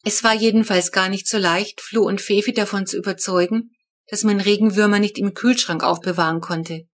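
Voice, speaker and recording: A woman reading a children's storybook aloud, telling the story in a lively first-person voice. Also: mid-range voice, normal speed. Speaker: audiobook reader.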